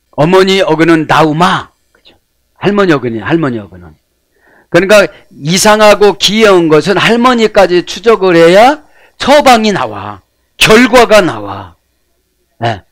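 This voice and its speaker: A man's voice: high voice, a bit bright, no room sound. A male pastor preaching a sermon, prodding listeners with rhetorical questions.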